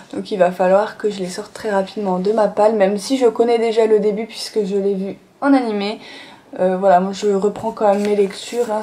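Chatty young woman, warm voice. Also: mid-range voice. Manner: chatty, many fillers and "donc voilà". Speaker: manga vlogger. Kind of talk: casual manga haul video. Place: sunny room at home.

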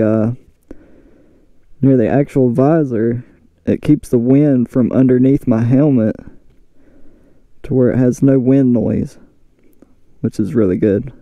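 Audio from a helmet-mounted mic by the camera sounds narrow and tinny as a motovlogger chats through a how-to video at a dining table indoors. His medium-pitched voice carries a laid-back, folksy, plain-spoken tone.

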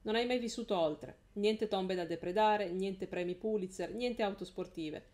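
A woman voicing a jealous, menacing villain man as she reads a novel aloud, in a slow, taunting delivery. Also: medium pitch, darkish tone, natural voice.

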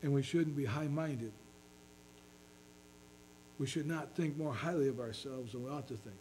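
A man's voice: mid-range voice, normal speed, darkish tone, a little hiss or hum, poor audio. A man preaching a sermon as pastor, earnestly reading scripture in King James wording.

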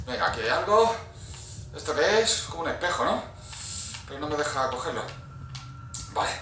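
A man's voice: fairly high pitch, sing-song, moderate pace, bright, forceful tone, roomy sound, recorded from a distance, a little hiss or hum, low-quality recording. A man with an accent from Spain nervously commentating a horror game, swearing a lot and yelping at scares. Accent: Spain Spanish. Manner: jumpy, swearing, nervous chatter with sudden yelps. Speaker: gaming youtuber.

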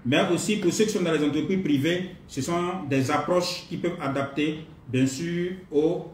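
A man leading a live online training class, greeting participants and speaking at an unhurried pace with pauses and fillers. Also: on the high side. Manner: unhurried, repeats himself, many pauses and fillers. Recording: roomy distant mic, faint noise.

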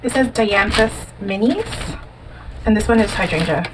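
A woman's voice: medium pitch, moderate pace, background noise. A woman in her thirties from the Philippines, chatting casually in a rambling vlog with fillers and restarts, talking to the camera from her car and then at home. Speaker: vlogger. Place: car at night, then small room at home. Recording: loud music bed under the voice.

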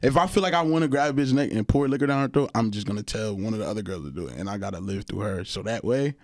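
A man talking in a relaxed podcast chat. His pitch swings widely as he tells stories. He laughs easily and keeps an easygoing tone. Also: quick pace. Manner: laid-back storyteller, lively pitch, laughs often. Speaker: podcast guest. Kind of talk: casual podcast banter.

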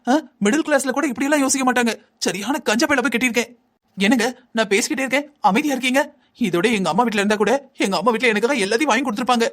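Man doing a cartoon young wife, envious, nagging, whining, high voice, fast talk. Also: a bit bright. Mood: reproachful. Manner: nagging, whining, quick and insistent. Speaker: wife in a cartoon family drama. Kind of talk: Tamil cartoon voice acting.

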